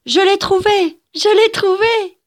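A woman reading a storybook aloud and voicing an eager little girl who cries out in a high, bright child's voice. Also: animated, normal speed, lightly acted. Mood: excited.

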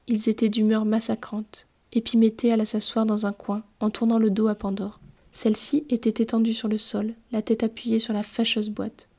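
Mellow, even-toned woman narrating a tale. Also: on the high side. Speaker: storyteller. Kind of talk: scripted storybook narration.

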